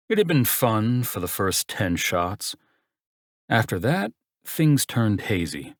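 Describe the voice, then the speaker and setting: Brief: male audiobook narrator, fairly low voice, wry first-person read, dry booth sound. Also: no room sound.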